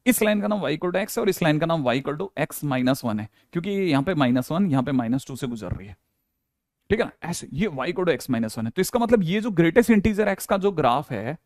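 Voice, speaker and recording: A chatty man teaching maths at a board, with a fairly high voice recorded close and dry, with no room sound. He keeps checking in with the class and puts on the students' questions himself. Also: lively intonation, fairly quick, a little mellow, no echo. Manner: chatty, repeats "ठीक है" often, acts out students' questions.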